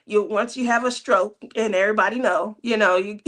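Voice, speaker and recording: A woman's voice: medium pitch, steady tone, normal speed, fairly bright tone. A woman, hosting a casual craft livestream, chatty and teasing with frequent laughter. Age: 30s. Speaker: craft channel host.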